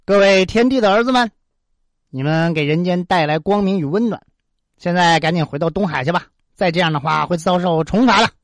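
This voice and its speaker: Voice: medium pitch, a little fast, no echo, studio quality, natural voice. A storyteller voicing the divine archer Hou Yi, issuing stern warnings.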